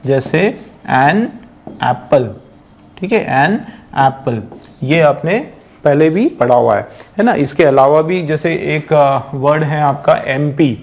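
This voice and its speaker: A man from India teaches English grammar in an exam-prep lecture, his voice on the high side. He explains patiently, often asks his students questions and reads the English examples out slowly.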